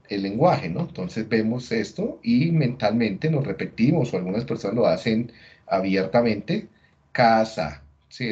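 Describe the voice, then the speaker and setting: A man giving a class lecture, explaining step by step, often pausing to check in with his listeners and rephrasing himself as he goes. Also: lowish voice, a little mellow. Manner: restarts and rephrases mid-sentence. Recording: dull lo-fi audio.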